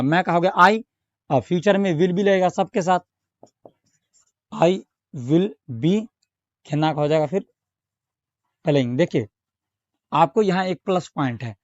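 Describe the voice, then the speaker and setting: A man with an Indian accent teaching English grammar in Hindi, reading example sentences slowly and carefully. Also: sits high, no echo. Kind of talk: Hindi-language grammar lesson with spoken examples. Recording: dull, slightly lo-fi recording.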